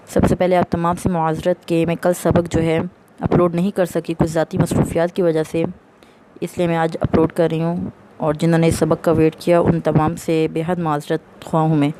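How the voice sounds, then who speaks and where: A woman's voice: deep voice, warm tone, a little hiss or hum. A woman teaching a Quran reading lesson, explaining patiently and drawing out each example word. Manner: slow, patient explaining, drawn-out recitation of example words. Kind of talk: recorded lesson.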